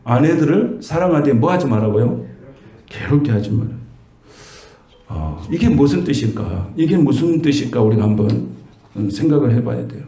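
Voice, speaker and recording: Middle-aged male pastor, gravelly mellow voice, chatty sermon delivery, echoey church room. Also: medium pitch, expressive, moderate pace. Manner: conversational preaching, rhetorical questions to the congregation. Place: church sanctuary.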